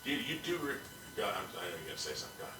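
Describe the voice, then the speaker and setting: A man's voice: mid-range voice, sing-song, very fast, bright, forceful tone, reverberant, recorded from a distance, slight background noise, rough recording. A man hosting a podcast in casual chat, talking bluntly and profanely in a ranting way. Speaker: podcast host.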